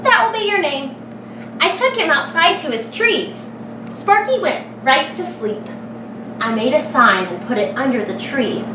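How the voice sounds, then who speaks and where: A kindergarten teacher reads a picture book aloud to small children in a high, very lively voice, using dramatic pauses and thinking out loud for her listeners. The mic sits at a distance in an echoey room, and clear background noise can be heard.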